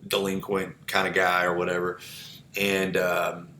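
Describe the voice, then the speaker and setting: A man's voice: completely flat delivery, unhurried, pushed and bright. A male psychology instructor giving a chatty, digressive lecture full of asides and fillers. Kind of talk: informal recorded lecture. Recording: echoey room with low rumble.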